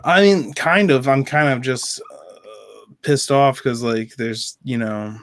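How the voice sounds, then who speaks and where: A man's voice: mid-range voice, takes it slowly, no echo, studio quality. A young man who laughs often, chatting casually with a streamer on a call. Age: young adult. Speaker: guest. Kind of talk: casual chat.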